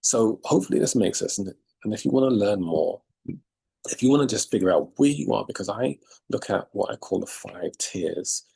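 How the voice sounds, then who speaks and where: A man's voice: on the low side, expressive, moderate pace, creaky, mellow, husky, rough recording. A man speaking as a leadership coach in an emphatic motivational monologue to camera, repeating key phrases for effect, recorded outdoors.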